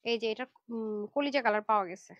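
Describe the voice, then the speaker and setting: Worn out after a long stretch, a woman keeps pitching clothes on a Facebook live sale, talking fast and pressing her viewers in a chatty way. Her high, slightly bright voice has no room sound, though the highs are cut off.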